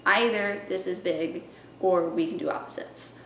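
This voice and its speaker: A children's librarian, a young woman with a lowish, steady voice at normal speed, walks viewers through her story time plans. Playfully, she chants rhymes and sings songs. The recording has an echoey room, faint music, and slight hiss or hum.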